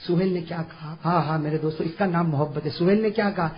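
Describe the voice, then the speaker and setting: A male preacher telling a story in a sermon, impassioned, rising to shouts and asking the audience rhetorical questions. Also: on the high side. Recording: dull lo-fi recording.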